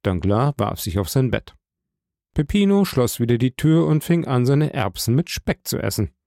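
A male narrator reading an audiobook in measured, even sentences. His voice is gravelly and mellow, and the recording is close and dry. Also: mid-range voice, no echo.

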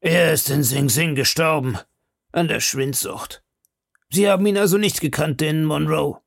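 A fawning, gossipy prison food server, raised high above the reader's usual voice, as a male narrator puts him on. He talks in an eager, obsequious run of compliments. The sound is dry and close. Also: normal speed, vocal fry, dry recording. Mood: insistent.

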